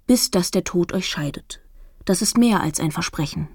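A woman voicing a solemn male priest who preaches in a measured, formal way. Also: lowish voice, expressive, darkish tone, husky, no echo, clean studio sound.

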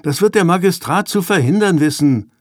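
A man's voice: sits high, expressive, moderate pace, no room sound, clean studio sound, voice pushed up. A man voicing a bold eleven-year-old boy, the older brother, with a firm, scolding manner.

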